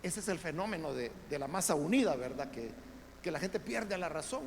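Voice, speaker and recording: High-voiced pastor preaching. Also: male voice, lively intonation, a little fast. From El Salvador. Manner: conversational preaching, addresses listeners as brothers, frequent tag questions; builds to loud emphatic peaks. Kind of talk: Bible study sermon. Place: church. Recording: reverberant church hall, faint background noise.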